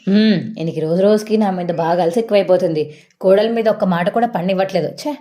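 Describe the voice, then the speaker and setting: A woman's voice: mid-range voice, quick pace, dark tone, lightly acted. A woman voicing a complaining older mother-in-law in a retold TV serial. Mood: sulky.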